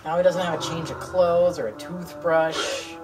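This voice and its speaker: A man's voice: on the high side, fairly even intonation, normal speed. A man co-hosting a podcast, giving casual, joking film commentary in a riffing manner. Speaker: podcast co-host. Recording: distant mic, loud film soundtrack behind. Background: film music and sound.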